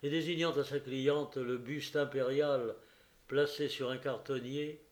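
A man narrating a classic novel as an audiobook in a slow, measured storytelling manner. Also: medium pitch, steady tone, reverberant.

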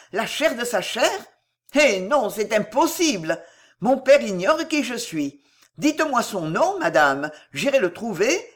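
A woman voicing a passionate young bullfighter who speaks in loud, impassioned outbursts. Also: a little high, voice pushed up. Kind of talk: audiobook reading.

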